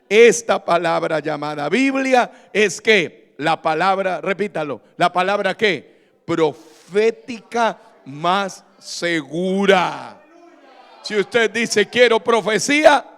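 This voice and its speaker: Sitting high in pitch, this man's creaky, fairly bright voice trails off into a long reverb. He is a pastor giving a fervent Bible-study sermon in a big, echoing church hall, repeatedly questioning and urging on the congregation in front of him.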